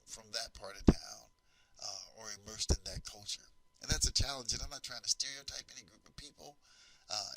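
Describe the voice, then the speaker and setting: St. guy telling a story to teachers, emphatic, tense forceful voice. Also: medium pitch, vocal fry, low-quality recording. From west side of St. Louis, USA. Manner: animated storyteller, emphatic, repeats himself. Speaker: school district trainer. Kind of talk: anecdotal training talk.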